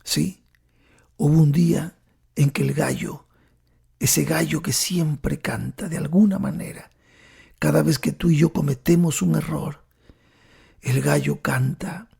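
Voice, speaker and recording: A man preaching a sermon, telling the story dramatically and often dropping to a hushed whisper while speaking directly to the listener. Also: fairly high pitch, steady tone, a little slow, vocal fry, long pauses, husky.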